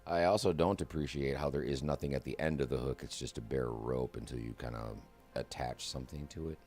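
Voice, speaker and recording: A man's voice: extremely low pitch, fairly even intonation, brisk, darkish tone, faint music behind. A man giving casual, chatty commentary while streaming a flight simulator, narrating each step aloud with self-mocking asides.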